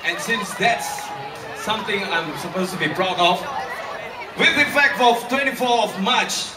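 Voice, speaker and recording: Over loud music, a high-pitched, slightly slow-speaking Singaporean DJ in his 20s shouts jokes and crowd calls from a packed nightclub stage, hyping everyone up with call-and-response. His handheld mic is recorded from far away in the crowd, giving an echoey club sound with heavy crowd noise.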